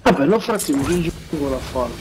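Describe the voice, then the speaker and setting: A man's voice: a little high, animated, normal speed. Man in noisy gaming chat. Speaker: video game player.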